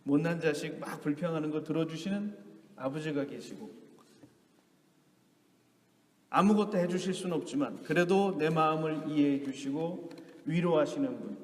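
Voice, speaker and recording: A middle-aged man preaches in a high voice, rising to loud, pleading emphasis and then dropping to quiet asides. His words ring through a large church hall with a long, roomy reverb. He delivers it as a full sermon from the pulpit. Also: normal speed, pauses often. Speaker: pastor.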